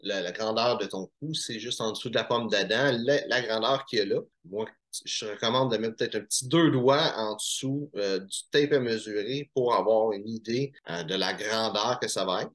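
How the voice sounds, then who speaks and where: A man's voice: fairly low pitch, moderate pace, fairly bright tone. A man from Quebec with a Québécois French accent, giving casual, informal tips on buying shirts to his viewers, with many fillers and restarts. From Quebec, Canada. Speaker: menswear style YouTuber. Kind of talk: casual instructional talk to camera.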